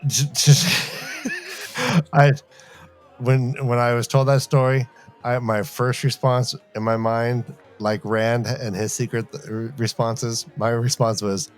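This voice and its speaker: Over soft background music, a man co-hosting a podcast speaks slowly in a medium-pitched voice with fairly even intonation. The talk is a casual chat and an animated fan debate, and he argues emphatically but playfully.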